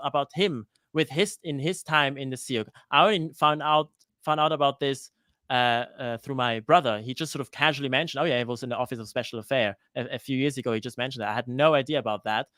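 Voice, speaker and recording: A man's voice: fairly high pitch, pushed and bright, no echo, studio quality. A man in his thirties from Denmark, a guest on a live-streamed interview, talking hesitantly with many restarts. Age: 30s.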